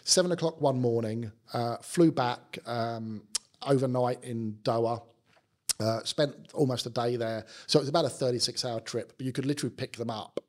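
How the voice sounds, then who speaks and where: A man's voice: medium pitch, normal speed, darkish tone. A man in his forties with a South London accent, talking chattily as a guest in a casual podcast conversation. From London, England. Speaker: guest, business leader. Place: indoor podcast studio. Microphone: close podcast microphone on boom arm.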